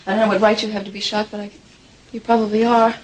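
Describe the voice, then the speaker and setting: A woman's voice: medium pitch, flat delivery, fast, a little hiss or hum, lightly acted, rough recording. An actress playing an anxious, proud young pregnant woman in a 1980s soap opera, talking hesitantly with stumbling restarts. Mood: anxious, defensive.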